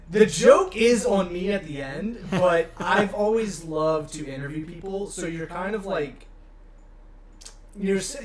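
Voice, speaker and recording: A man, hosting a casual live stream interview, eager and stammering through restarts. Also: fairly high pitch. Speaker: livestream interviewer. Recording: echoey room with live crowd noise.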